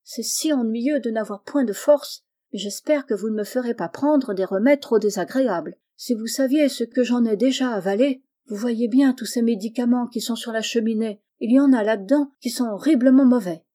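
A woman's voice: fairly high pitch, normal speed, few pauses, dark tone, natural voice. A woman voicing a sickly, wistful orphan girl who speaks in a plaintive, pleading way.

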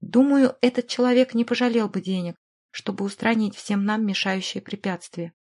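A woman's voice: medium pitch, normal speed, a little mellow, natural voice. A woman voicing a scheming, condescending middle-aged businessman in an audiobook, with a conspiratorial tone. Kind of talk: audiobook character voice.

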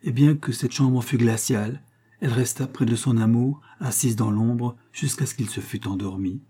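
A male reader tells a literary tale in a measured, expressive way. His voice is mellow and dark, with a husky grain. The pitch sits in an ordinary middle range for a man. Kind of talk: scripted narration of a literary tale.

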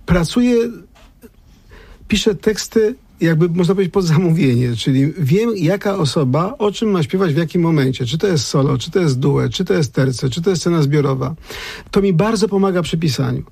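A man with a gravelly, somewhat higher voice talks through his ideas on a radio program, circling back and restarting his sentences. His tone is dark and mellow, and the sound is dry and close. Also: expressive, moderate pace, no room sound. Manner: thoughtful, digressive, many restarts. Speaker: lyricist and translator, guest. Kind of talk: radio conversation.

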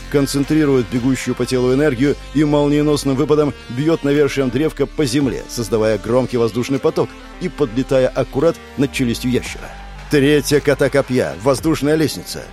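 A man narrating a dramatic fantasy story, raising his voice for the characters' cries. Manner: raises pitch and shouts for characters' cries. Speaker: audiobook narrator. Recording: narration over soft music.

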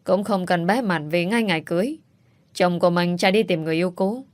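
A woman's voice: fairly low pitch, fast talker, no room sound, close to an everyday voice. A woman voicing a young man who speaks bitterly to his brother, with faint music behind. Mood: defiant.

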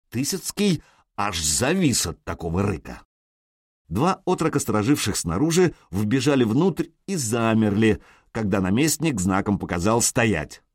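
A male narrator reading an audiobook with an animated, widely moving voice. He sounds close and dry, with no room echo. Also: mid-range voice, breathy edge. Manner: lively, expressive storytelling.

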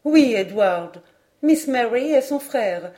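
A woman's voice: a little high, lively intonation, slow, dark tone, pitched above the performer's own voice. A woman reading an audiobook, voicing a resolute young noblewoman in a raised, fervent, pleading voice.

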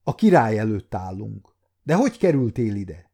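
A man's voice: lowish voice, very animated, vocal fry, mellow, full character voice. A man in his fifties voicing a wounded young nobleman who speaks earnestly and pleadingly. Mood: alarmed. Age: 50s.

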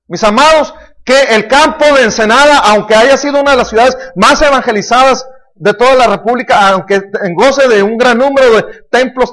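A man's voice: very high-pitched, a bit bright. A man preaching a sermon, emphatic and repetitive, often asking the congregation questions. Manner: emphatic, repeats words, asks the congregation questions. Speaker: pastor.

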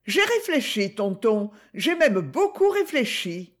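A sad, stubborn fifteen-year-old girl, read by a woman. Her voice sits high above the reader's own, soft and plaintive, and the speech is lively but slow and hesitant. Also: full character voice. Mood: resolute.

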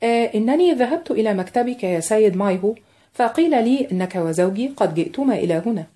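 A woman voicing a composed foreign wife with a calm, lightly ironic manner. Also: a little high, fast, close to an everyday voice.

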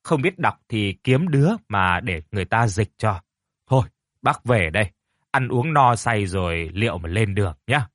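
Man voicing a fatherly old village chief, gruff, lively, dry close sound. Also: lowish voice, normal speed, dry recording. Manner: gruff, paternal.

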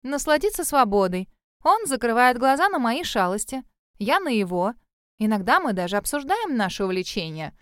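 A woman's voice: fairly high pitch, sing-song, normal speed, smooth, dry recording, studio quality. A woman voicing a spiteful, catty young woman who taunts her rival in a sneering tone. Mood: mocking. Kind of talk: audiobook character voice.

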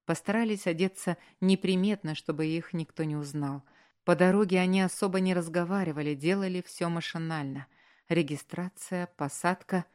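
Low-voiced woman narrating a story. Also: normal speed, a little mellow. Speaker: audiobook narrator. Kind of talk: scripted narration.

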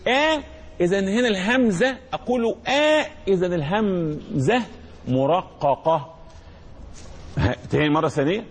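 A man's voice: high-pitched, moderate pace, darkish tone, slightly rough. A man with an Egyptian accent teaching Quran recitation, drawing out the verses and quizzing his students in call-and-response. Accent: Egyptian Arabic. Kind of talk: tajweed lesson with call-and-response.

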